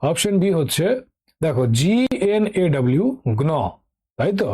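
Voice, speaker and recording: A man's voice: fairly high pitch, lively intonation, normal speed, dark tone, breathy edge. A middle-aged man teaching English vocabulary for exam prep in an online lesson, speaking with a Bengali accent. He is patient and repeats key words, often checking with "ঠিক আছে?".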